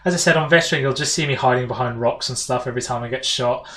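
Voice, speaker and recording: A man's voice: mid-range voice, fast, sharp tone, recorded from a distance. A man with a British accent giving casual, rambling, self-deprecating gameplay commentary as a let's play host. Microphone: home gaming voice-over mic.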